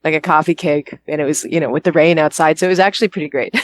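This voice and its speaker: A woman's voice: deep voice, fast talker. A young American woman, a musician and vocalist, chatting informally and with self-deprecation as she is interviewed on a call. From Houston, Texas, United States. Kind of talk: casual interview chat. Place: on a bus, speaking on a call.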